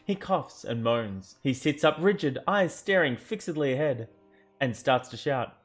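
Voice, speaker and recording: A man's voice: medium pitch, lively intonation, unhurried, faint music behind. A man narrating an interactive fantasy adventure book aloud, theatrical, with joking asides and self-corrections. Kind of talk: dramatic storybook narration.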